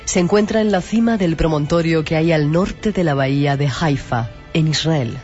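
A man giving measured, scripted documentary narration. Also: a little high. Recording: dull sound with music bed.

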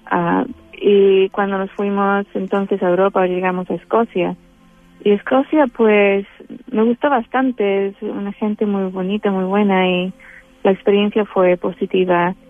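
A Chilean woman with a Chilean Spanish accent speaks as a guest in a spiritual interview, her medium-pitched voice flat and unhurried. She talks hesitantly, full of fillers and restarts, with faint music behind her. The audio has a tinny, phone-line quality.

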